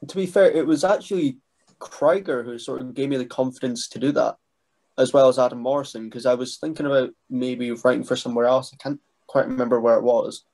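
A young man, talking as a guest on a video call interview, soft-spoken and hesitant with restarts. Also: medium pitch, steady tone, fairly quick, vocal fry. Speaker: guest, wrestling writer and trainee. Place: small bedroom indoors. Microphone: webcam mic on video call.

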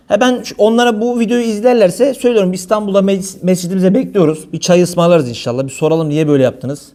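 A man's voice: fairly high pitch, warm tone. A man preaching an informal religious talk from a lectern before an audience, blunt and colloquial, with pious phrases throughout.

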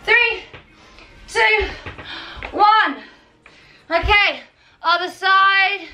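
A woman's voice: very high-pitched, very slow, background noise. A young adult woman leading a home workout as a fitness coach, urging people on in short, commanding, motivating calls and countdowns. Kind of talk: workout instruction with countdowns and cheering on. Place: small home living and dining room. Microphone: camera a few metres away. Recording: roomy, distant mic, music underneath.

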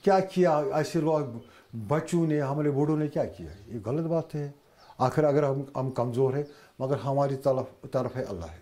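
Older Kashmiri man with a mellow voice. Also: medium pitch. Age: 70s. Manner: halting, repetitive, plain-spoken. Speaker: shopkeeper telling of his injury. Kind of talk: news interview testimony.

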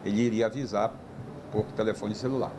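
A man, a police chief, calmly summarizing an investigation for the press in formal, official language. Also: lowish voice, brisk, noisy background. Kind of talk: press statement.

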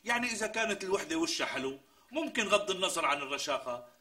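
Brief: sharp, bright-voiced sidekick, quick and lively. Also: male voice, high voice. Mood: incredulous. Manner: exclamatory, incredulous. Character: skeptical friend, quick to exclaim. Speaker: comic sketch character. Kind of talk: TV sketch comedy acting.

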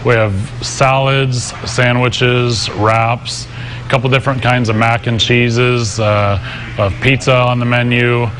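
A man's voice: mid-range voice, flat delivery, slow pace, a bit bright. A middle-aged man giving a casual promotional interview from a sports bar, speaking hesitantly and easily. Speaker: restaurant representative, interview guest. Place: sports bar, remote link. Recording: noisy busy sports bar ambience.

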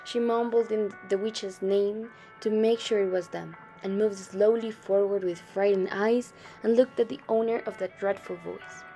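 Young woman reading a story out loud, mellow voice, quiet music in the back. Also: medium pitch. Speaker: student reader. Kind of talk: reading a short story aloud.

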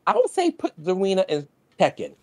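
A man's voice: high voice, wildly swooping pitch, a little fast. A man guesting on a casual gaming chat, opinionated and slangy. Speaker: podcast guest.

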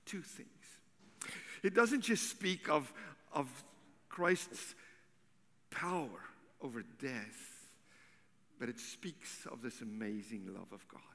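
A male pastor preaching a sermon, swinging between loud declarations and hushed near-whispers. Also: medium pitch, animated, slow, gravelly, long pauses. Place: church sanctuary. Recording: long church reverb.

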